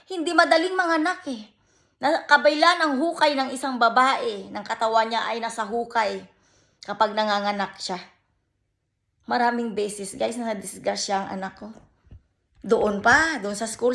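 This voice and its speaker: A woman's voice: fairly high pitch, fairly bright tone. A middle-aged Filipina woman vlogging in a personal, pleading tone, switching between Tagalog and English with a Filipino accent and calling her viewers "guys". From Philippines. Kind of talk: emotional personal vlog talk.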